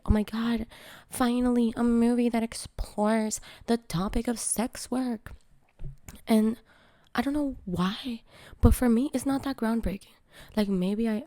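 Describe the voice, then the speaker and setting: A woman vlogger speaking in a casual, candid way, her voice worn from being sick, blunt and quick to swear as she gives her opinion. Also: mid-range voice, warm tone, dry recording, studio quality. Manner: frank, frustrated, self-mocking. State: sick, voice strained by illness. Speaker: vlogger reviewing a film.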